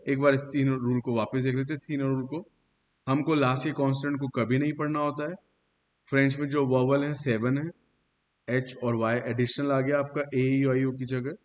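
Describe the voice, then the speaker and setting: A man teaching a French pronunciation class in a classroom, explaining rules step by step and praising his students. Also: medium pitch. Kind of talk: classroom lesson with slides. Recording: long reverb, faint hiss.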